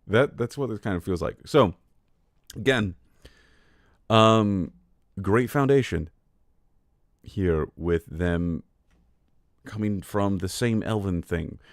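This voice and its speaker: A man's voice: lowish voice, takes it slowly, long pauses, dry recording, studio quality. A tired man hosting a casual livestream, reading lore aloud and chatting, often laughing and getting sidetracked. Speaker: streamer host.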